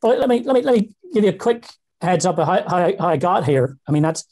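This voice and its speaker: A man in his sixties with a Northern Irish accent, speaking on a video call from a small room. His voice is mellow and dark, and he often repeats words as he thinks aloud in an easygoing interview. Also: high-pitched, animated, fast talker. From Northern Ireland. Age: 60s. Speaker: interview guest. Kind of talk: casual interview talk. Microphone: video call webcam.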